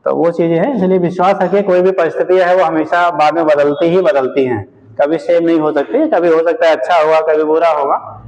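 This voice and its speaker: A man's voice: fairly high pitch, steady tone, brisk, a little mellow, lo-fi sound. A male physics teacher giving a classroom lecture, addressing his students as "beta" and repeating his questions for them to answer.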